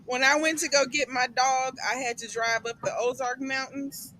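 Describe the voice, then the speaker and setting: A woman's voice: high voice, steady tone, moderate pace, noisy background. A woman chatting casually and chiming in with short corrections. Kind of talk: casual group chat.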